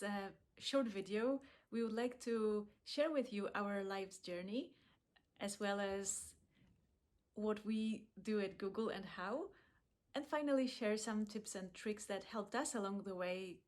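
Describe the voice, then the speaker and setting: This accessibility program lead, a woman from Poland, delivers a pre-recorded video talk at a calm, even pace. She has a mid-range voice and stops for small pauses frequently.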